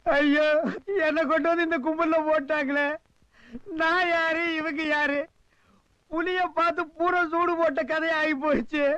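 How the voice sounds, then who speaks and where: A whiny comic scold, with a very high, squeaky voice. He nags and complains in a dry, close film sound. The audio is dull and lo-fi. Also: level tone, normal speed, bright, forceful tone, no echo. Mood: lamenting. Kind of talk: film comedy dialogue.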